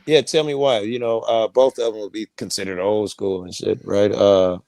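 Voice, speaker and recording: A man's voice: lowish voice, steady tone, moderate pace, a little mellow, no echo. A man co-hosting a casual livestream chat, talking bluntly and profanely with a joking edge. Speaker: co-host.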